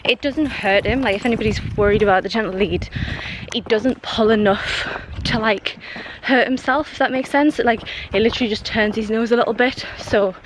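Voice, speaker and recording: A woman's voice: a little high, a little fast, noisy background. A young woman, chatting casually on a vlog while out on a hill walk, rambling with lots of fillers. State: slightly out of breath. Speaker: vlogger.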